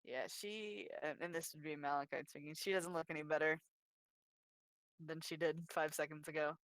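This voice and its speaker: A woman acting as game master, narrating a tabletop game with many pauses and ums. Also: sits low, steady tone, fairly bright tone, dry recording, low-quality recording. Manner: hesitant, full of ums and uhs.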